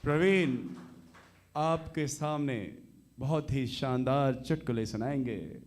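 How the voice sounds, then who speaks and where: A man's voice: medium pitch, slow pace, a little hiss or hum. A man hosting an open mic, teasing the audience and introducing comedians with playful banter. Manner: teasing, playful crowd work. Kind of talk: emcee banter between acts. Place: small open mic venue.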